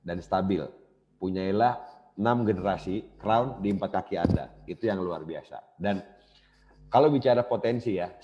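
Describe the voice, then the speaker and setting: A man with a low, dark voice gives a motivational business seminar talk. He's casual and speaks directly to the audience. The recording is a dull, lo-fi cassette.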